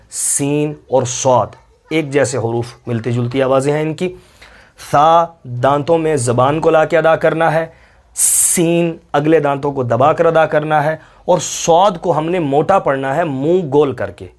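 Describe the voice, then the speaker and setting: A man teaching Quran letter pronunciation, patiently drawing out each letter sound step by step. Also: fairly high pitch. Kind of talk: step-by-step recitation lesson.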